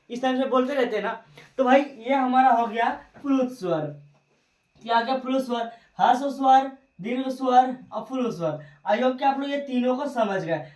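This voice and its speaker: A woman's voice: on the high side, a little mellow, distant mic. A woman teaching a grammar lesson who repeats definitions, stretches out example sounds and keeps checking that listeners follow. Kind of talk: classroom-style grammar lesson. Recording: echoey room, voice from off mic.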